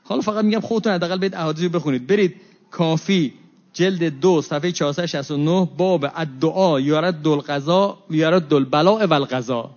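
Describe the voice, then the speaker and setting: A man giving a religious talk to an audience, animated and acting out quoted exchanges with sudden rises and drops in his voice. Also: on the high side. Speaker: religious lecturer. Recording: dull lo-fi recording.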